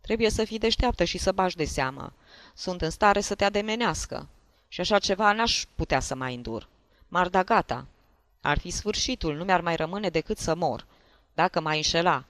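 A man voicing a tipsy, jealous husband who shouts and scolds in an audiobook. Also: sits high, no echo, voice pushed up. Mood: lecturing. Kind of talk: audiobook character voice.

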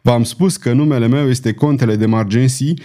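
A composed male swordsman in an audiobook, calm and wry, voiced by a man reading aloud in a warm and mellow tone. Every word sounds measured and unhurried. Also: medium pitch, close to an everyday voice. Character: cool, witty male swordsman knight. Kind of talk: audiobook character voice.

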